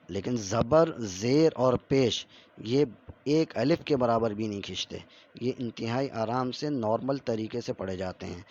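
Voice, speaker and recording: A man's voice: medium pitch, darkish tone. Male reading teacher, patient and repetitive, middling voice, slightly dull lo-fi audio. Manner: slow, drawn-out syllables when reciting drills; repeats rules over and over for learners. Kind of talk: patient step-by-step recitation lesson.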